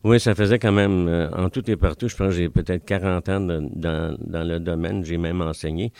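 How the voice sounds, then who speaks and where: An older Franco-Ontarian man from Ontario, Canada, answers interview questions casually as a guest in a radio studio, speaking with a Franco-Ontarian French accent into a studio mic. His deep, creaky voice is a little mellow, with fairly even intonation and a moderate pace. He rambles with many fillers, and there's no echo.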